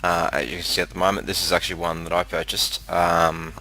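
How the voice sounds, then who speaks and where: Over a screen capture, an Australian video game presenter talks casually in a very low yet forceful, bright voice with little pitch movement, halting and rambling as he goes. A cheap, ordinary headset mic gives a slightly crackly sound, and a fan runs in the room.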